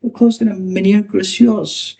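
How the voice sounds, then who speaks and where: A man's voice: high voice, fairly even intonation, measured pace, warm tone. A man voicing a pompous older woman who teaches etiquette, prim and scolding, slipping in French phrases. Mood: instructive.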